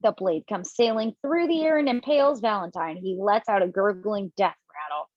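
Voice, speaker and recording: Here a mid-pitched woman casually narrates stage directions for an amateur table read on a video call, tossing in little asides and self-corrections at a normal speed. The sound is dry and somewhat dull, like a lo-fi call.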